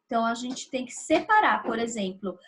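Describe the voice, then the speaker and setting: A woman's voice: on the high side, animated, a little fast, fairly bright tone. A woman teacher with a Brazilian Portuguese accent, patiently explaining a grammar lesson step by step and checking in with her students. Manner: patient, explaining step by step with frequent tag questions.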